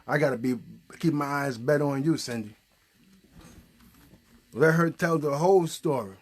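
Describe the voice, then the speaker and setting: Here the host of an improvised puppet show, a man with a fairly high voice, guides the story at a moderate pace, weaving in casual questions as he goes.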